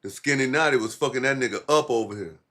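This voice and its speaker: A man's voice: medium pitch, fast talker, a bit bright. A man hosting a casual, profane livestream, rambling in a laid-back stoner way with heavy slang and swearing. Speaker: livestream host.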